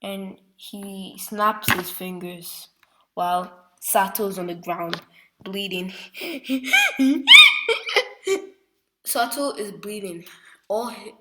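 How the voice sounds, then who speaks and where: Slow-talking woman rambling through a fan story. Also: mid-range voice, steady tone, very noisy. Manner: rambling, self-correcting, with many fillers. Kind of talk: casual retelling of a fan story. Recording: roomy echo.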